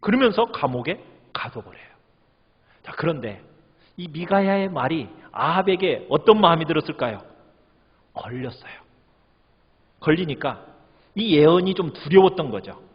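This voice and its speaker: Lively preaching pastor in an echoing church. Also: male voice, on the high side, moderate pace, long pauses, husky. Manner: asks the congregation questions, acts out quoted lines. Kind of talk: sermon with scripture reading. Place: church hall. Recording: lo-fi church recording with long reverb.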